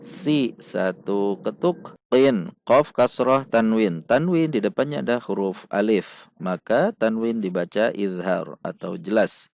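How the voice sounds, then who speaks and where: A man's voice: lowish voice, vocal fry, darkish tone, no room sound. A man teaching Quran recitation in a patient, step-by-step lesson, drilling syllables and counting beats aloud. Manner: chants verses in drawn-out melodic recitation. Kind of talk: slow step-by-step tajwid lesson.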